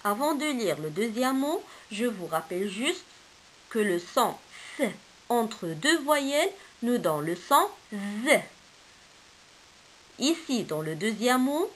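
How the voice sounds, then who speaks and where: A woman's voice: fairly high pitch, rough recording. A woman teaching a kindergarten reading lesson, patiently sounding out letters and syllables one by one and praising the children.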